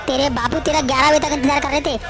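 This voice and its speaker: A woman's voice: sits high, steady tone, fast talker, over music, close to an everyday voice. A woman voicing a stern, reproachful older mother-in-law who keeps prying.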